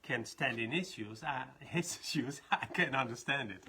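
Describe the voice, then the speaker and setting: A Dutch-accented man from the Netherlands, a leadership trainer, gives a casual live talk in a mid-range voice at moderate pace, rambling loosely and restarting often. Crowd noise can be heard.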